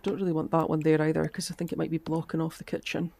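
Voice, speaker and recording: Talking fast, a game streamer chats through gameplay in a low-pitched, creaky voice with little pitch movement. A lingering cough makes her voice cut out as she thinks aloud with soft asides.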